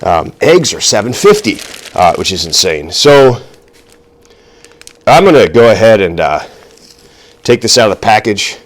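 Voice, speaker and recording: A middle-aged man with a very deep, low voice talks his way through a cooking vlog. He rambles nervously, makes fun of himself and fills gaps with ums and uhs. Now and then he sounds a little out of breath from the work. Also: sing-song, unhurried, long pauses. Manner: nervous, self-deprecating, rambling with fillers. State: out of breath at times. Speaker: cooking video host. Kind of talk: casual cooking vlog, talking while working.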